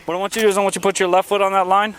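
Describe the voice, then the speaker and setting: A man's voice: high-pitched, flat delivery, rapid-fire, a bit bright. A man speaking as a police officer, giving stern, repetitive commands and questions at a roadside stop. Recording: noisy outdoor police bodycam audio.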